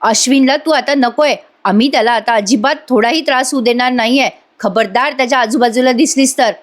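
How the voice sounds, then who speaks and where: A woman voicing a stern young sister-in-law who scolds slowly and firmly. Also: a little high, lightly acted. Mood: scolding. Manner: slow, scolding, firm.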